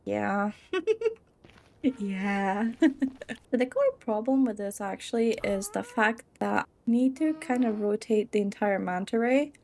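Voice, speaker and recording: A woman's voice: mid-range voice, lively intonation, slow pace, gravelly, darkish tone, slight background noise. A tired young woman giving casual, rambling gameplay commentary, giggling often and poking fun at herself. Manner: giggly, rambling and self-deprecating. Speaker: Minecraft let's play creator.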